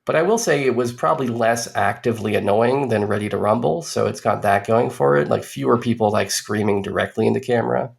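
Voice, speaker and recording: A man with a low, gravelly voice talks through a movie review on a podcast. He rambles, restarts his sentences and drops dry, sardonic asides as he goes. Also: brisk, few pauses.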